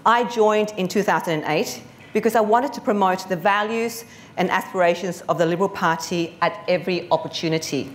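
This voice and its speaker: A woman's voice: on the low side, fairly quick, a little hiss or hum. A middle-aged woman, a former councillor, giving an earnest, composed speech at a lectern in a conference hall.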